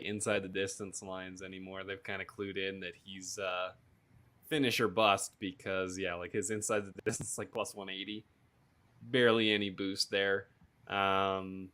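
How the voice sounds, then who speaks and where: A man co-hosting a podcast, giving measured, thoughtful fight analysis that trails off at times. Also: lowish voice, bright, forceful tone.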